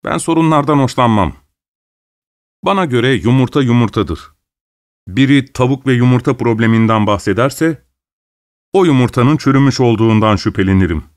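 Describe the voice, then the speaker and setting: Man calmly narrating a story. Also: medium pitch, no room sound. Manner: calm, measured storytelling with dry humor.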